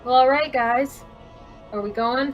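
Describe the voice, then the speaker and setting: A woman's voice: sits high, unhurried, low-quality recording. A woman playing a tabletop game, chatting casually with music behind her.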